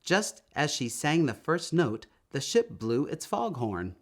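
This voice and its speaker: A storybook reader, male and fairly high-pitched, brings a children's story to life with expressive, carefully paced narration.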